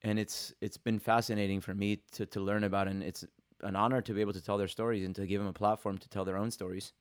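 A man reporting and hosting, telling a documentary story in a steady, earnest way. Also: lowish voice, fast, smooth, no echo, studio quality. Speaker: podcast reporter and host. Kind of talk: documentary podcast narration.

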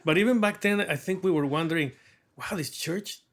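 A middle-aged man from Mexico, whose voice sits high, is interviewed as an artist in a documentary. He speaks with a Mexican accent and thinks carefully, pausing a lot with fillers and soft chuckles.

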